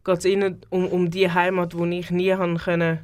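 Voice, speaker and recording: A woman's voice: fairly low pitch, completely flat delivery, moderate pace, darkish tone. A woman with a Swiss German accent, a singer guest in a radio studio interview, talking with many fillers and restarts. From Switzerland.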